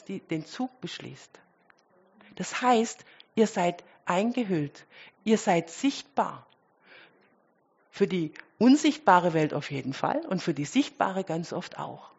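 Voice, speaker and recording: A woman preaching a sermon, speaking straight to her congregation with rhetorical questions and moving between loud emphasis and quiet asides. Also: mid-range voice, breathy edge, dull audio.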